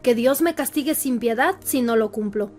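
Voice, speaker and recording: A woman reading the lines of a grieving old king, an anguished father, in a wailing, drawn-out lament. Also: on the high side, darkish tone, faint music behind, natural voice. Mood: pleading.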